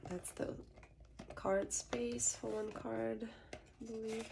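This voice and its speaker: A woman who sounds a little sick narrates a casual unboxing, softly and hesitantly, often dropping into a near-whisper. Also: a little high, level tone, slow, gravelly, noisy background. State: sick, throat often needing clearing. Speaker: vlogger unboxing a purchase.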